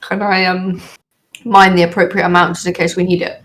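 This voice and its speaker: A woman's voice: on the low side, little pitch movement, brisk, fairly bright tone. A woman chatting casually as a player in a tabletop role-playing game.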